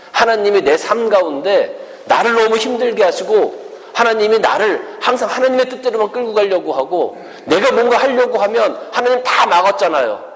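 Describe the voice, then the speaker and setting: A man's voice: a little high, in a large hall, pitched above the performer's own voice, lightly acted. A man voicing an angry male prophet who complains bitterly to God in an indignant, heated way.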